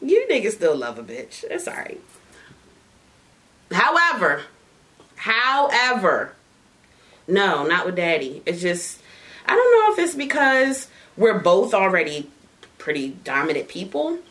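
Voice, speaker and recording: A woman's voice: medium pitch, wildly swooping pitch, a little slow, pauses often, a bit bright. A woman hosting a casual chat while smoking, bawdy and playful, laughing often. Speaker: podcast host.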